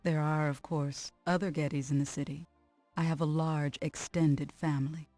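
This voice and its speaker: A woman's voice: deep voice, flat delivery, normal speed, mellow, no room sound, close to an everyday voice. Dry, guarded society woman played by an actress. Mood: composed. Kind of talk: adventure game voice acting. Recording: dry game audio with music. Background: game music.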